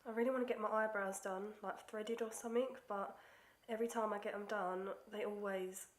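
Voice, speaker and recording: Speaking a little fast in a steady, medium-pitched voice, a young woman with a stuffy nose from a cold talks through a makeup tutorial. This chatty, self-deprecating beauty vlogger sometimes drops to near-whispers while concentrating. The echoey room has slight background noise.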